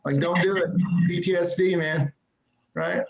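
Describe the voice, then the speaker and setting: A man's voice: sits high, steady tone, unhurried. A man doing a self-deprecating stand-up set over a video call, punctuating jokes with "right?". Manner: self-deprecating, punchy joke delivery with frequent "right?". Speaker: stand-up comedian. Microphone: computer mic on a video call. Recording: echoey room on a video call.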